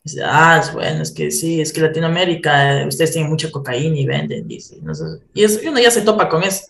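Ecuadorian guy telling stories, kinda high voice, laughs a lot, echoey room. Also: a little fast, vocal fry, a bit bright. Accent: Ecuadorian Spanish. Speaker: guest. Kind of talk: casual storytelling chat. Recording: roomy echo.

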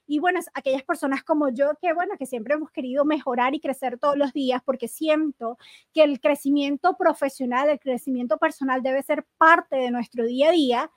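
High-voiced motivational woman, close and dry. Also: a bit bright, dry recording. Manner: earnest, addresses listeners directly, acts out everyday dialogue. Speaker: podcast host. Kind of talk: motivational self-help talk.

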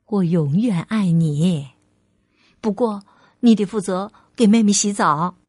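A patient, loving storybook mother who reassures in a gentle, lowered voice, played by a woman reading aloud. She speaks slowly and warmly and never rushes. The recording is dry and close. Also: husky, dry recording. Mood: reassuring.

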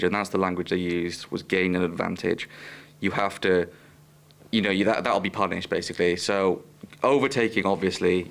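A young man with a Welsh accent talks through a podcast discussion in a relaxed, explanatory way. His voice sits low and comes across smooth and resonant. It is easygoing podcast chat. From Wales. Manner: explanatory, laid-back. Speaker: podcast co-host.

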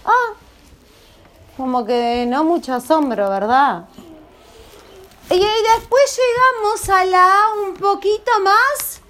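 A woman's voice: very high-pitched, expressive, slow pace, pauses often, fairly bright tone. A woman teacher leading children through a voice exercise, playful and theatrical as she acts out the sounds.

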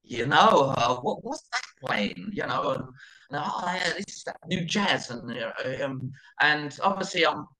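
Bright-voiced middle-aged Essex man chatting. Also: fairly high pitch, sing-song, unhurried, poor audio. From Essex, England. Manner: rambling, repeats phrases. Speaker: interview guest, DJ. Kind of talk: casual interview chat.

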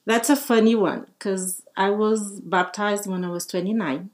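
A woman's voice: medium pitch, steady tone, a little slow. A woman from Brazil, speaking as a podcast guest in friendly, simple phrasing with frequent laughs. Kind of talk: casual interview talk.

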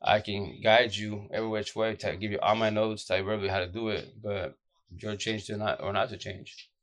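Deep, groggy, exhausted man talking bluntly. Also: level tone, brisk, fairly bright tone. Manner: blunt, repetitive, slangy. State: exhausted, short of sleep. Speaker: social media advice streamer. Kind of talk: casual off-the-cuff relationship advice monologue.

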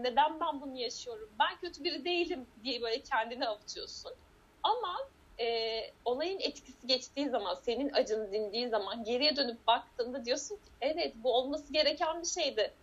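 Woman guest, high husky voice, earnest and reflective, dull lo-fi recording. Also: brisk, fairly bright tone. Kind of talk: casual conversation. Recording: dull lo-fi sound.

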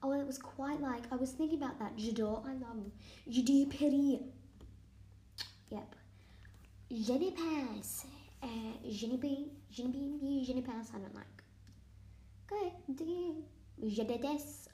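A woman's voice: high voice, measured pace, pauses often, mellow. A young woman student chatting casually in a vlog, thinking aloud as she quizzes herself and sometimes dropping into a whisper. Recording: echoey room.

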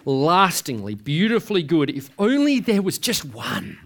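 A man delivering a sermon in a chatty, searching way, with his voice sitting a bit higher than most men's. He keeps asking the listeners questions and trips over his words as he restarts. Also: very animated, measured pace, creaky, fairly bright tone. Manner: conversational, with frequent restarts and rhetorical questions. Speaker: pastor.

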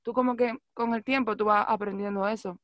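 A woman's voice: mid-range voice, steady tone, a little fast, fairly bright tone, no room sound, lo-fi sound. A woman with a Dominican Spanish accent, a guest on a casual podcast, talking in a loose, chatty way full of fillers. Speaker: podcast guest, news anchor and actress.

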